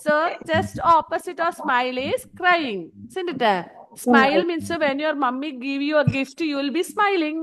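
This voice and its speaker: A woman with a high voice and a Malayali accent teaches English to young children in an online class. She draws out her English words very slowly, then rattles off explanations in Malayalam. She calls on the children by name to coax them along. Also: a bit bright, slight background noise. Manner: slow, drawn-out English, then quick switches into Malayalam explanations.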